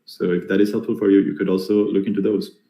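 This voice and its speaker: A young Bangladeshi man with a Bangladeshi accent, a guest speaker at an online seminar, answers Q&A questions full of fillers and restarts. His voice is low, dark and fairly flat in pitch, and he talks quickly. The recording has an echoey room and faint noise.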